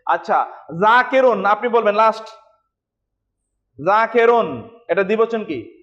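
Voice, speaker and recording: A man teaching Arabic grammar to a class, asking questions, repeating words slowly and prompting students to answer. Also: sits high, animated, a bit bright. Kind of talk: classroom lesson with call-and-response drilling. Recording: dull lo-fi recording.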